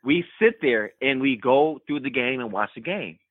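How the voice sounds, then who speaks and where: A man, a former college basketball player and podcast guest, telling a personal story in an animated way and repeating words for emphasis. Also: mid-range voice, normal speed, no echo. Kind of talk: candid storytelling in a podcast interview. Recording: tinny remote call line, dry.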